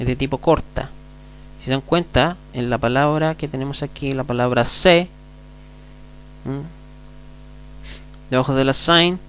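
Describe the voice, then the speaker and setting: Patient Chilean male teacher, mid-pitched gravelly voice, faint electrical hum under the recording. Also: a bit bright. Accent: Chilean Spanish. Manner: patient, repeats words slowly, asks "mm?" to check. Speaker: Hebrew teacher. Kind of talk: classroom lecture.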